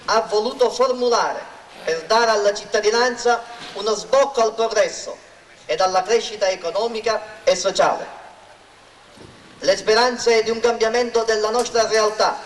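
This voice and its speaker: A man giving a formal, oratorical political speech at a rally, declaiming to a public square. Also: sits high. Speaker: local party politician introducing a candidate. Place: outdoor town square rally. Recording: roomy, distant mic, faint noise.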